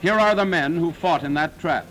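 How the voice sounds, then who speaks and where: A man's voice: a little high, moderate pace, a bit bright. A man narrating a 1940s wartime newsreel in a dramatic, solemn, declaiming manner.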